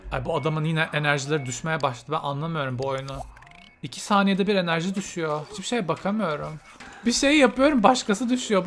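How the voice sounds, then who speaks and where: Excitable man narrating a game. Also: a little high. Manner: excitable, squeals and laughs at game events, mixes in English phrases. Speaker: gaming channel host. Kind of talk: let's play commentary.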